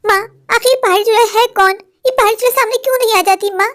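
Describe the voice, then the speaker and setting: A stubborn young college girl in a cartoon story, with a very high voice and rapid, breathless talk. She keeps pleading and calling for her mother. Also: steady tone, fairly bright tone. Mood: pleading, sulky. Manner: pleading, repeating "maa" often. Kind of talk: cartoon voice acting.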